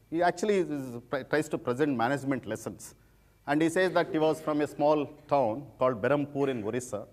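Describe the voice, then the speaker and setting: Higher-pitched man with heavy Telugu accent. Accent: Telugu Indian. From rural village in India. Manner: emphatic, often repeats words and phrases. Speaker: guest speaker, former civil servant turned social entrepreneur. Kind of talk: informal public talk with personal anecdotes.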